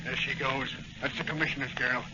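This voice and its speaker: A man playing a rough, urgent kidnapping henchman with curt delivery in 1940s radio serial style. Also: medium pitch, fairly even intonation, brisk, close to an everyday voice. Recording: very noisy, muffled old radio recording.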